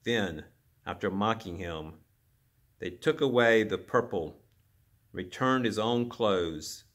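A man reading scripture aloud at a church service, solemn and dramatic, raising his voice for the crowd's shouts. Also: lively intonation, slow pace. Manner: dramatic, voicing the crowd's shouts louder and higher.

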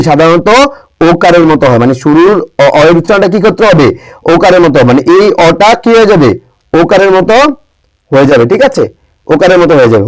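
A young man from Bangladesh teaching an exam-prep grammar lesson, drilling pronunciation with constant rhetorical questions and repeating words slowly for emphasis. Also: high voice, dry recording, poor audio.

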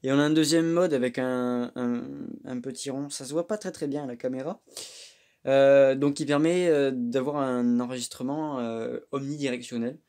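A man's voice: mid-range voice, normal speed. A man chatting casually and joking at his own expense as he unboxes a microphone, recorded on a phone indoors. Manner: relaxed, chatty, self-mocking. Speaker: tech unboxing vlogger.

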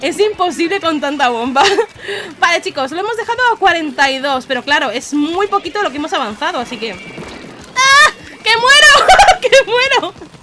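A young woman from Spain talks through an online match with a bright, high voice that swings widely as she reacts. She has a Spanish accent and an excitable manner. She laughs often and shouts quick warnings to her teammates. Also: slight background noise. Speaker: gaming YouTuber. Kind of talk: live gameplay commentary.

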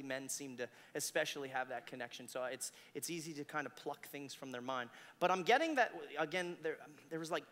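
A man's voice: medium pitch, a bit bright. A man performing a live mind-reading stage show, intense and commanding as he gives instructions to audience members. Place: large hall with audience, on a microphone. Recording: echoey hall, long reverb on stage microphone.

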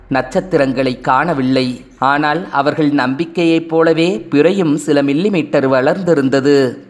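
A man narrates a novel as an audiobook, reading in a measured, poetic way. His voice is somewhat high for a man. The reading is steady and deliberate.

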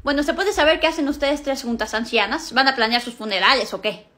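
A woman's voice: sits high, fairly quick, sharp tone. A woman voicing a sassy, scheming teenage girl who talks back in a snarky, mocking way.

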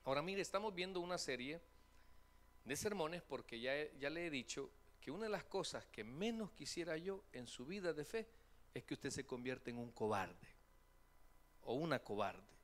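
A man's voice: a little high, normal speed. A man, preaching a sermon as pastor in a church, acting out voices and joking with the congregation. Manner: animated, acts out quoted voices, jokes with congregation. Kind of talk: lively sermon. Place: church sanctuary.

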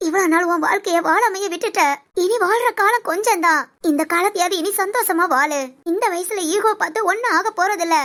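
A woman voicing a caring older woman friend in an audio story, who keeps pressing gently and insistently. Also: extremely high pitch, fairly quick. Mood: gentle. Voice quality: coaxing, insistent. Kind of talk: audio story role-play.

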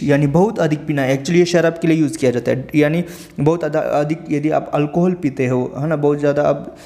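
Man, slightly high voice, patient teacher explaining idioms and spelling words aloud. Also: a little mellow. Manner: explains idioms step by step, spells words letter by letter, asks rhetorical questions; frequent filler "है ना". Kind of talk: vocabulary lesson in Hindi.

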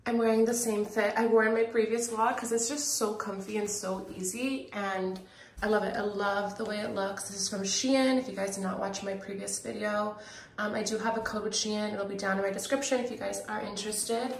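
Talking to her handheld camera indoors, in her car and around shops, a young vlogger gushes in a bubbly, filler-packed way, leaning on "like" and "obsessed." Her mid-range voice moves little in pitch and runs a little fast, captured in an echoey room with faint ambient noise.

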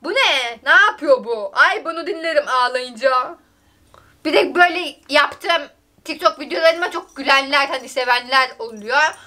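A woman's voice: high-pitched, expressive, moderate pace, pushed and bright. A woman vlogger chatting casually to her viewers, giggly and self-mocking. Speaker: TikTok vlogger.

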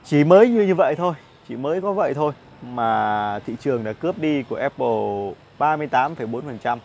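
A man's voice: medium pitch, expressive, brisk, gravelly, a little mellow, muffled recording, slight background noise. A man in his thirties giving casual stock market commentary outdoors on a lapel mic, chatty and full of fillers and repeated words. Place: outdoor cafe patio with plants.

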